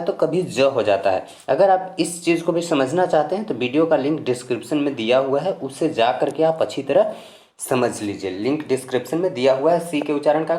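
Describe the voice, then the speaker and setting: Heard with roomy echo, this medium-pitched, darkish voice belongs to a teacher from India leading a patient pronunciation lesson. Words are spelled out one letter at a time, each rule gets repeated, and learners are reassured throughout.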